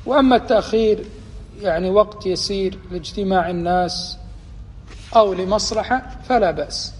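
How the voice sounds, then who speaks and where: A man teaching a religious lesson, explaining deliberately and quizzing his students as he goes. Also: high voice, slight background noise. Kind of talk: explanatory lecture. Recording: long reverb, faint ambience.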